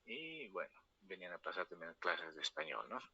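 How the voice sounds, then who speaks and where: A man's voice: low voice, very animated, normal speed, bright, forceful tone, husky, lo-fi sound. A man with a La Paz Bolivian accent giving a spoken university lecture, tagging nearly every phrase with a question to his students. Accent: Bolivian Spanish, La Paz. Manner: tag questions after nearly every phrase, storytelling asides.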